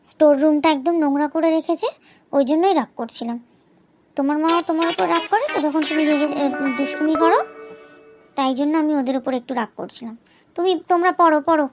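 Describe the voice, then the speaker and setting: A woman voicing a strict, short-tempered mother in a cartoon, with a shrill, nagging way of talking. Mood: soothing. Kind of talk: cartoon dubbing.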